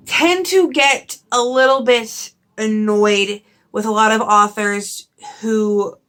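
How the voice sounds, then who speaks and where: A young woman giving a casual, chatty book review, lively and full of "like" and laughs. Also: mid-range voice. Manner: chatty and animated, with frequent "like" and laughs.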